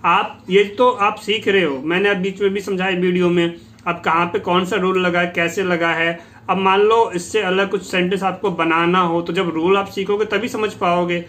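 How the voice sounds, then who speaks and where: A man teaching English phrases in Hindi, repeating each phrase slowly and explaining it patiently to his students. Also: high voice, fairly even intonation, a bit bright. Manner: slow, repeats each phrase twice, drawing out English words; addresses listeners as "beta", explains patiently. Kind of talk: Hindi-language English lesson.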